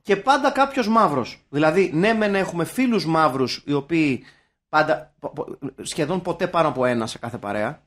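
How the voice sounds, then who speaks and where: A young man from Greece trades casual banter on a podcast. His voice sits high and swings up and down as he launches into jokey, profane rants. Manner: animated, swearing, jokey rants. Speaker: podcast co-host. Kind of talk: casual chat.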